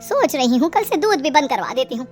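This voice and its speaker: A woman's voice: high-pitched, sing-song, fairly quick. A woman voicing a middle-aged mother-in-law in a story, coaxing and plaintive as she schemes. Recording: music behind the voice.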